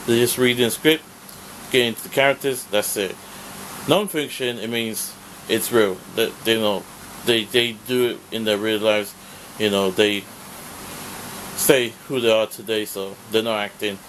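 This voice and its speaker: A man's voice: on the low side, a bit bright, a little hiss or hum, poor audio. A man recapping his convention day in a casual vlog, rambling with lots of fillers and swearing. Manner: rambling, profane, heavy fillers. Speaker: vlogger.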